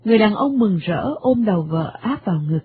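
A woman's voice: medium pitch, fairly quick, breathy edge, no echo. A woman narrating a radio drama expressively, over a tinny medium-wave broadcast. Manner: expressive storytelling.

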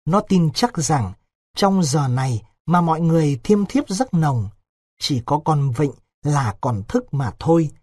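Husky male storyteller, dry and close. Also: on the high side, dry recording. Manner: measured, expressive reading. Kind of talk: storytelling narration.

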